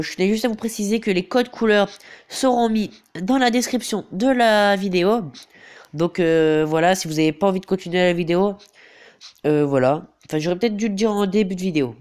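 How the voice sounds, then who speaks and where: His voice is high with a darkish tone, and he sounds stuffed up from a head cold as he narrates a game tutorial over the screen. The teenage YouTuber hesitates often and keeps returning to filler phrases, especially "donc voilà".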